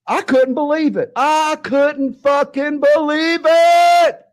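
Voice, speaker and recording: A man in an angry, profane off-the-cuff rant, repeating himself and cursing at other channels. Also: very high-pitched. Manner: furious, profane, repetitive. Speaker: livestreamer ranting at other channels.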